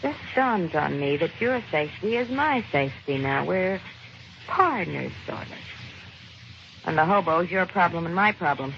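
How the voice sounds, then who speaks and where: Her lowish, gravelly voice carries lively intonation at a normal speed as an American actress plays a calculating, greedy, cold-blooded gangster's girlfriend on old-time radio. She's brash, slangy and sardonic. The aged recording sounds dull, with some faint noise.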